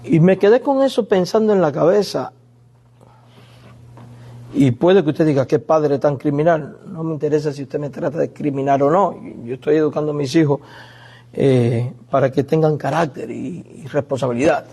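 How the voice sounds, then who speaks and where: Man, pastor, sermon, storytelling, mellow dark tone, husky. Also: on the high side, normal speed. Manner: storytelling preacher, acts out quoted pleas.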